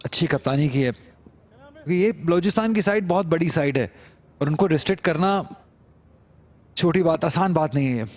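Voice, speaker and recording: Higher-voiced Pakistani male cricket commentator. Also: animated, moderate pace, long pauses. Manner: appreciative, analytical.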